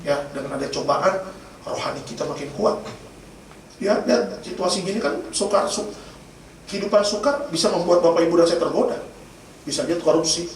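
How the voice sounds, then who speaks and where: Male pastor, high-pitched, jokey storyteller; distant mic in a booming hall. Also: brisk, pauses often. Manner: storytelling with humor, addresses congregation as Bapak Ibu. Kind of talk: sermon. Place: church. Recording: echoey church hall from far off, noisy.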